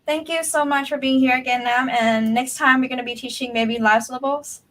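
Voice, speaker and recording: A woman's voice: high-pitched, fairly even intonation, fairly quick, fairly bright tone. A woman teacher hosting a casual livestream, talking in a chatty, encouraging way. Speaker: Thai language teacher and livestream host.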